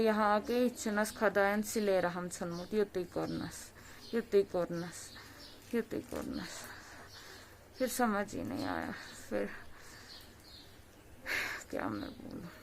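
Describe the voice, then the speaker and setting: Slow-speaking Kashmiri woman. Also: medium pitch, creaky, slight background noise. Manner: slow, pleading, rising to forceful demands for justice. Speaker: victim's daughter. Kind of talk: tearful eyewitness account.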